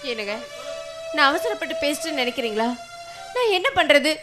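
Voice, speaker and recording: A woman's voice: sits high, very animated, a little fast, over music. An actress playing an aggrieved middle-aged mother, tearful and complaining about her daughter-in-law. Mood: tearful complaint. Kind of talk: family drama acting.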